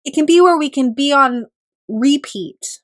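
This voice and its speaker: A woman astrologer talks on her own in a contemplative way, with a high-pitched voice still recovering from a cold. There are pauses and bouts of throat clearing.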